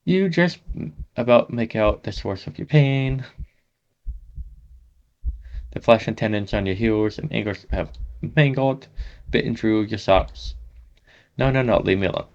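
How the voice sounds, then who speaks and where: A man reading a horror text game aloud as a gaming host, saying the sound effects out loud as he goes. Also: fairly low pitch, unhurried, pauses often, dull audio. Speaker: gaming YouTuber.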